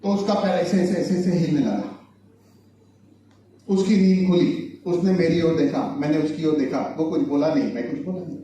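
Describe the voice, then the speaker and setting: High-voiced male speaker, mellow and chuckling, tells comic life lessons, recorded far off in a reverberant hall with faint noise. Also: normal speed. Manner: chuckles through his anecdotes. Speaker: motivational speaker at a business launch event. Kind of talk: humorous motivational storytelling. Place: large event hall.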